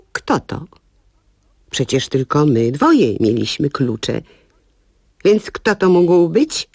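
Aktorka grająca porzuconą kobietę, która z ironią i gorzkim śmiechem opowiada o swoim upokorzeniu. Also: female voice, low voice, darkish tone, dry recording, clean studio sound, full character voice. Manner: wry, rueful, bursts of bitter laughter. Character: jilted woman laughing through her misery. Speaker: cabaret actress. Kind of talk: comic radio monologue.

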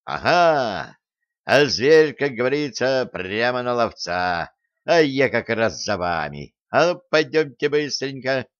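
A man's voice: mid-range voice, expressive, a little slow, a bit bright, no echo. A man voicing a jovial, brash staff captain who banters in old-fashioned courtly speech, on a dry, slightly dull recording. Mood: gleeful.

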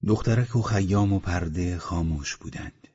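A man narrates an audiobook in a measured, even reading. His voice is very deep and husky, and the recording sounds slightly muffled. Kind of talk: scripted narration.

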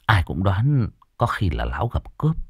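A man's voice: low-pitched, normal speed, vocal fry, breathy edge, dry recording, studio quality. A man narrating a horror folk tale in a dramatic storytelling style. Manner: animated, swooping delivery. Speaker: audiobook narrator.

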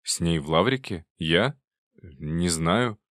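A man voicing a heartsick man in love with a pleading, low, heartfelt manner. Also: lively intonation, takes it slowly, a bit bright, dry recording, studio quality, exaggerated voice. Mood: subdued.

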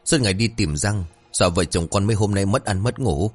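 A man voicing a worried older village father, pleading in quick words. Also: fairly low pitch, soft background music, lightly acted. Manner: pleading, fast-talking.

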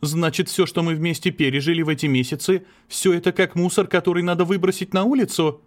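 A man's voice: on the high side, fairly even intonation, quick pace, pitched above the performer's own voice, natural voice. A man voicing an anxious, lovesick young man who pleads earnestly, in an audiobook. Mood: pleading. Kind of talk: audiobook character reading.

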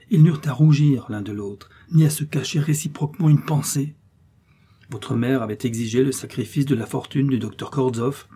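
A man voicing an earnest, sorrowful young man in a classic novel read aloud, speaking in a grave and measured way. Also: medium pitch, mellow, slightly rough, close to an everyday voice. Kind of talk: audiobook character reading.

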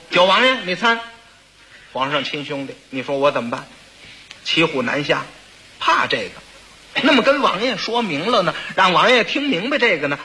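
Man, traditional storyteller, chatty asides, lively pitch. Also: a little hiss or hum. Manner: animated, chatty asides to listeners.

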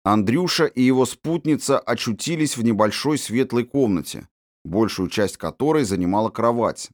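A man narrating a storybook in a measured, descriptive reading. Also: lowish voice, darkish tone, dry recording, studio quality. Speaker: audiobook narrator.

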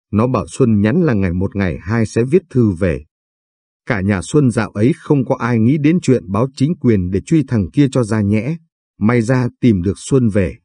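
A man narrating a story in a calm, measured way. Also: fairly low pitch, husky, no room sound, studio quality.

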